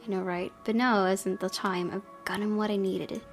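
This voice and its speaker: A woman hosting a gaming video reads a visual novel aloud, mixing in giggly, chatty asides between narrated passages. Her mid-range voice keeps a normal pace and fairly even intonation, with loud game music playing behind it.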